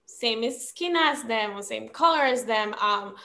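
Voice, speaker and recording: Brief: young Sri Lankan-born woman, slightly high voice, reflective guest on a video call, lots of ums. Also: lively intonation, unhurried, pushed and bright. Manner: frequent ums, earnest and reflective. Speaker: podcast guest. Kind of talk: casual conversational storytelling. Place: small room at home.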